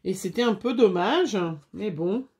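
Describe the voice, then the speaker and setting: A woman's voice: medium pitch, measured pace, darkish tone. A woman chatting casually to viewers while making a scrapbooking craft, with frequent fillers.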